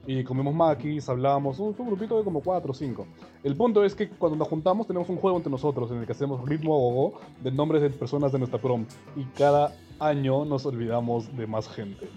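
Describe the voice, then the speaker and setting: A man's voice: medium pitch, a little fast, dark tone, muffled recording, faint music behind. A young man telling a school story in a casual chat.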